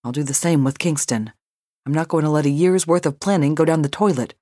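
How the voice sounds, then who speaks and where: A woman's voice: sits low, a little fast, mellow, no echo, studio quality. A woman reading an audiobook voices a grim, practical male business partner.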